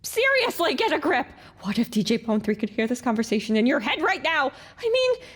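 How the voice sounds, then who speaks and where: A woman's voice: sits high, sing-song, fairly quick. A woman reading an audiobook, voicing a young heroine mare whose inner thoughts ramble and mock herself. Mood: flustered. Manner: rambling, self-mocking inner monologue. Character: young heroine mare, wandering wasteland survivor. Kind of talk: audiobook character voice.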